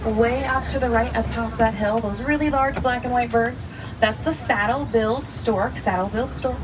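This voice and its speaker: A woman's voice: a little high, steady tone, moderate pace. A woman working as a safari guide, giving instructive tour commentary to riders on a truck. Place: open safari truck outdoors. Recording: distant, loud truck engine noise. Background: vehicle noise.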